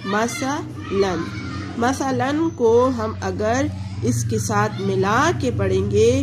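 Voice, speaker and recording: A woman's voice: medium pitch, noisy background. A woman teaching a Quran recitation lesson, patiently spelling out letters and vowel marks and drawing out example words.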